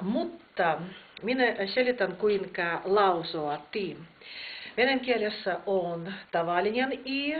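Woman teaching with hesitant explanations. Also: medium pitch. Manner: slow explanations with frequent hesitations. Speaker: Russian teacher. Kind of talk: language lesson. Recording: tinny phone-like sound with faint noise.

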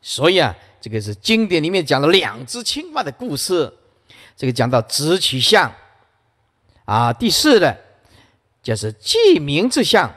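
A man's voice: a little high, wildly swooping pitch, unhurried, fairly bright tone, husky. A man giving an emphatic Buddhist sutra lecture, storytelling with frequent interjections. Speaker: Buddhist dharma teacher. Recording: long hall reverb.

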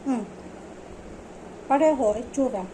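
Casting: young Filipino mom, high bright voice, chatty home vlogger, noisy phone recording. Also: female voice, slow. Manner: chatty, talks to her baby and viewers. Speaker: vlogger and mother. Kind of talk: casual home vlog chat. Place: home, with a baby nearby.

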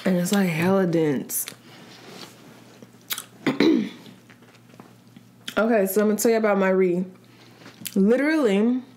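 A woman's voice: medium pitch, darkish tone. A young woman from Kansas City vlogging to camera in casual, rambling, slangy chat. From Kansas City, Missouri side. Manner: chatty and rambling, slangy, restarts often. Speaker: mukbang vlogger.

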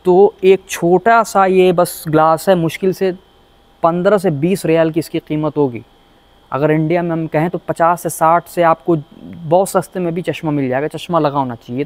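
A man's voice: on the high side, darkish tone, dry recording. A man teaching a workshop safety lesson as an auto technician, earnest and pleading, often repeating himself. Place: car workshop.

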